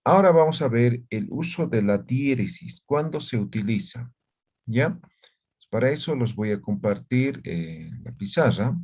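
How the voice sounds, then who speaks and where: A man's voice: mid-range voice, expressive, measured pace, a little mellow, husky. A man teaching an online language class over a video call, who checks in often with short questions.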